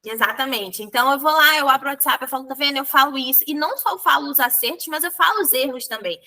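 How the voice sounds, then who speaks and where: A Brazilian woman speaking as a sales leader in an interview. She talks in an animated way, keeps adding "né?" to her sentences, and acts out her own conversations with her team. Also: high voice, quick pace. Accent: Brazilian Portuguese.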